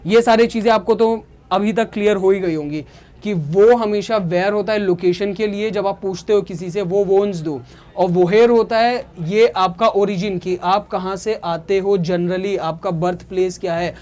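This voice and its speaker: Man, language teacher, beginner lesson, high voice, unhurried, keeps checking if it's clear. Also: fairly even intonation, a little mellow. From India. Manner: explains patiently, often checking if it is clear; slow, drilling words by repetition. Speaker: German teacher.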